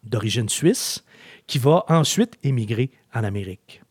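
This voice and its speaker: A man hosting a podcast, telling history in a lively, chatty way with filler words. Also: medium pitch, moderate pace, husky, no echo, clean studio sound. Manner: chatty storyteller, animated, with frequent filler words. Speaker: podcast host. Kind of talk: casual podcast chat.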